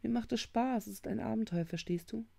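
A woman's voice: on the high side, fairly quick, creaky, mellow, no room sound, voice pushed up. A woman voicing a teenage boy who brushes off worries and defends himself in a storybook reading. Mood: defensive. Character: dismissive teenage boy gamer.

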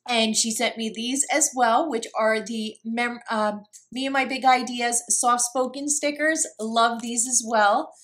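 A woman's voice: a little high, steady tone, unhurried, few pauses, fairly bright tone. A woman from New York chatting casually as she unboxes craft mail, gushing and laughing often. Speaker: craft vlogger.

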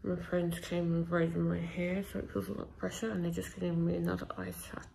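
A woman's voice: fairly low pitch, little pitch movement, brisk, gravelly, warm tone. A young woman in her twenties chatting to a vlog from a hospital bed, sore and tired, her words stiff and muffled by a swollen jaw with ice packs. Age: 20s. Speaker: patient vlogging her recovery. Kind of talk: casual vlog chat. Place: small hospital room, in bed. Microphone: phone at arm's length. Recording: noisy hospital room on a phone.

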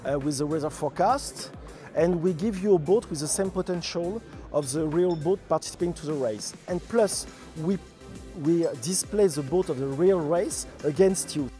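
Man, mellow fairly high voice, hesitant, lots of fillers, interview in a hall. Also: normal speed, faint music behind. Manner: hesitant, many fillers, careful non-native phrasing. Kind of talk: interview answers. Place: indoor exhibition hall.

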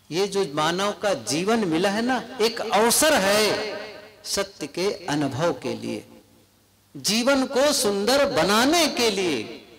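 A man preaches to a seated congregation in a high, highly animated voice, leaning into rhetorical questions. His delivery is unhurried, and the murmur of a large crowd carries under his words. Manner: slow, questioning, with rhetorical asides to the audience. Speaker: spiritual preacher. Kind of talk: devotional sermon to a live gathering. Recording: crowd noise from a live gathering.

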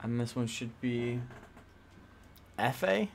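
A man's voice: mid-range voice, animated, slow pace, gravelly, slight background noise. A young man giving let's play commentary on a desktop mic, swearing a lot with jittery nervous laughter. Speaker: gamer.

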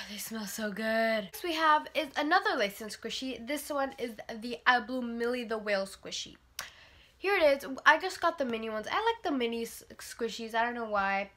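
Her voice fairly high, animated and fairly bright, a teen vlogger stuffed up with a cold reviews toys indoors in her bedroom. She talks at a moderate pace, rambling casually and leaning on lots of fillers.

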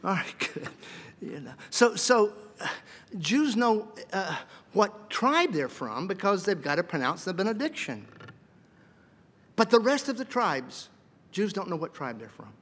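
A man giving a seminary lecture in a lively, joking way, sometimes acting out voices. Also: high-pitched, unhurried, slightly rough. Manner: lively, jokey, acts out voices. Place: lecture hall. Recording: reverberant lecture hall.

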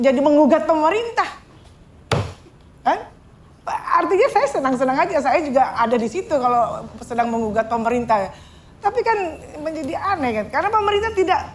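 A woman's voice: high voice, slight background noise. A woman speaking emphatically in a documentary interview, rising to indignation.

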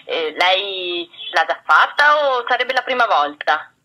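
A woman talks over the phone with a bright, clear-cut edge. She is polite and explanatory, sounding like office staff on a routine call. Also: medium pitch, very animated, measured pace, rough recording. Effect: telephone sound. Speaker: prank caller posing as clinic staff. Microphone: telephone line.

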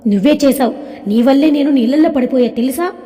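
A woman's voice: high-pitched, fast, mellow, close to an everyday voice. A woman voicing a carefree, innocent young woman who pleads sweetly, with a long echoing reverb. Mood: annoyed.

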